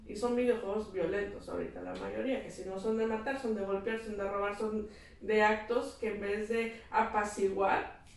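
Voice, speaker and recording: A woman's voice: medium pitch, fairly even intonation, moderate pace, creaky, slight background noise. A middle-aged woman talking earnestly about parenting, explaining and acting out what children say. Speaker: child therapist guest. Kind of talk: casual conversation. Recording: echoey room, mic at a distance.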